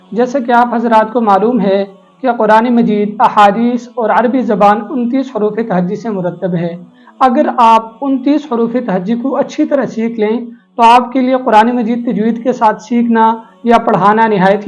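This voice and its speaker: A man teaching Quran letter pronunciation in a measured, explanatory way, slowly drawing out sample letters. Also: very high voice, darkish tone, lo-fi sound. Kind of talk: instructional lesson. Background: faint background music.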